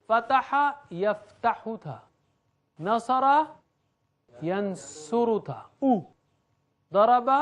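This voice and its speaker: A man teaching Quranic Arabic grammar, drilling verb forms in a rhythmic chant and explaining in between. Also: high-pitched.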